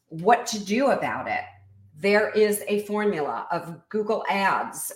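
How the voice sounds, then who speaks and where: A woman business coach being interviewed, explaining her method in an energetic, emphatic teaching tone. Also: lowish voice, roomy sound.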